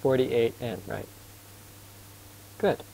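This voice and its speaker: A man's voice: medium pitch, gravelly, warm tone, a little hiss or hum, rough recording. A man tutoring math casually and patiently, asking his student questions as he works. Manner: casual and patient, quizzes his student, admits he talks fast. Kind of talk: informal tutoring lesson.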